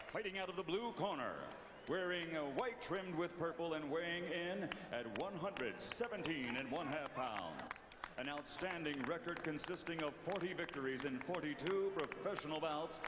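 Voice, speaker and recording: A man working as a boxing ring announcer, formal and theatrical, with drawn-out, rising name calls in the manner of a lucha libre announcer. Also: fairly high pitch. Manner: theatrical, formal, deliberate enunciation. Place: large indoor boxing arena. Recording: echoey arena PA with background noise.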